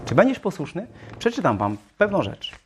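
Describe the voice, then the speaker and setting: A man's voice: sits high, huge pitch swings, moderate pace, a little hiss or hum. A man preaching a sermon, firing rhetorical questions at his congregation. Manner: self-described talker.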